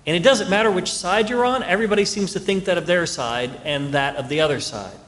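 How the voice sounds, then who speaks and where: A man's voice: sits high, a little fast, a bit bright. A man serving as priest, reading the Gospel and preaching a homily in an earnest, emphatic way, his voice carried by a cathedral echo in a large church. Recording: long reverb of a large church.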